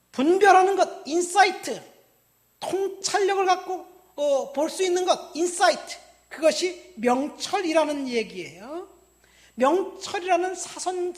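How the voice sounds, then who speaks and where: A woman in her fifties from Busan, a pastor preaching a sermon, stressing words loudly and then dropping to quiet asides while asking the congregation questions. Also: very high voice. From Busan, South Korea. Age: 50s. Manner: addresses the congregation directly with questions.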